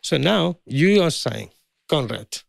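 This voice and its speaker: A man's voice: on the high side, very animated, slow, creaky, no echo, clean studio sound. A South African man in his fifties, a guest in a heated conversation, pressing and repeating his points. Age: 50s.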